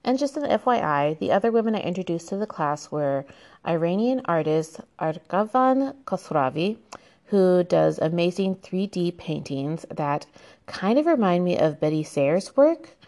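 A woman's voice: on the low side, animated, moderate pace, darkish tone. A young American woman hosting a casual solo podcast, chatty and loose with fillers, often laughing between thoughts. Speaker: podcast host.

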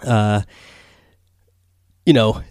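A man hosting a casual gaming podcast in a quiet, subdued late-night manner, rambling and hesitant as he goes. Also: fairly low pitch, very slow, clear, resonant tone, no room sound, studio quality. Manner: quiet, subdued late-night delivery, holding back so as not to wake others. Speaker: solo podcast host. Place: small home recording space near bedrooms.

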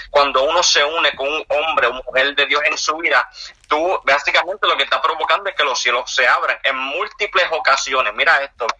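A man's voice: mid-range voice, bright, forceful tone, slightly rough, dry recording, poor audio. A man speaking in an emphatic, preaching style, repeating phrases for stress in a faith conversation.

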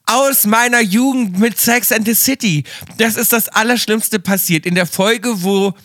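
A man's voice: high voice, measured pace, fairly bright tone, dry recording, studio quality. A man co-hosting a podcast, telling stories in a gossipy, dramatic way. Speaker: podcast co-host. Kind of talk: casual chat.

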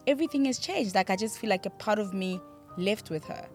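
A young woman, a podcast guest, speaking earnestly and emphatically about grief, with soft music underneath. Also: mid-range voice, expressive, brisk. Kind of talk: emotional interview.

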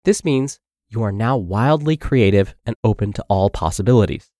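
Congested man narrating with a lively lilt. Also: on the low side, normal speed, no room sound, clean studio sound. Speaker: podcast host and narrator. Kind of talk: reading a health blog aloud.

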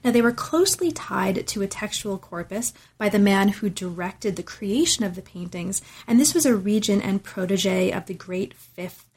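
Husky-voiced woman interviewer. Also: medium pitch, animated, moderate pace, few pauses, a little mellow. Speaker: podcast interviewer and host. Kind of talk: prepared book interview, summarising and asking questions.

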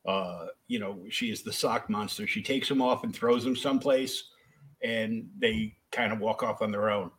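A man's voice: on the low side, normal speed, a bit bright. Laid-back joking man, podcast host. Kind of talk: casual podcast chat.

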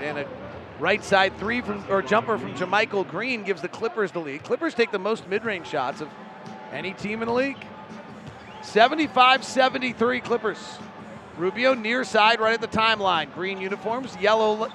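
A man doing live play-by-play for a basketball broadcast, rattling off short clipped calls and rising to shouts on big plays. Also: high voice, moderate pace, creaky, background noise. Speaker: play-by-play commentator.

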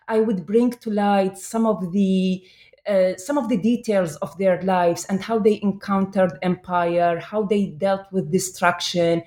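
A woman's voice: mid-range voice, darkish tone, echoey room. A woman from Iraq, an anthropology professor, answering interview questions thoughtfully with many fillers and restarts.

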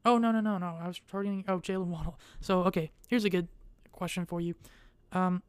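Rambling through a casual vlog, this young woman keeps a monotone and often hesitates, filling pauses as she goes. Her voice is on the low side, brisk, and clean-toned with no echo.

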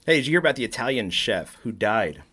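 A man on a podcast in a small shed studio, telling dad jokes in an animated way with chuckles and quick asides. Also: medium pitch, husky. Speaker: podcast guest. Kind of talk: casual joke-swapping chat.

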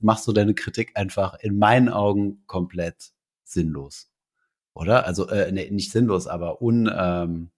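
A man co-hosting a casual podcast, rambling along with lots of fillers and restarts. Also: fairly low pitch. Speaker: podcast co-host.

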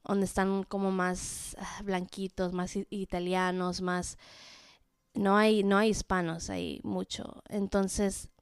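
A young woman in her twenties speaks slowly and haltingly, stopping often to find her words and dropping English fillers into her sentences. Her voice is smooth and clear. The sound is dry and close, with no room around it. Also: mid-range voice, flat delivery, no room sound. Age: 20s. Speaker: podcast host. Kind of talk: casual personal monologue.

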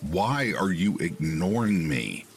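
A cocky, foul-mouthed teenage schoolboy, as a man acts him out in a horror storybook reading. The voice stays deep and gravelly, with a slow, swaggering drawl. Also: very animated, soft background music, exaggerated voice. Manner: crude, swearing, cocky.

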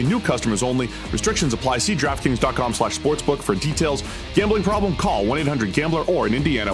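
An American man reads a hard-sell ad as a podcast host. His voice sits at an ordinary middle pitch, with music audible behind him as he pitches the sponsor briskly.

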